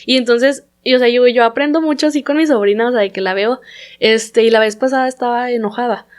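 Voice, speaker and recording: Woman guest, higher pitch; animated, does little voices when quoting others. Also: brisk. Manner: animated storyteller, acts out quoted voices. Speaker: lawyer, podcast guest. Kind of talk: casual conversation.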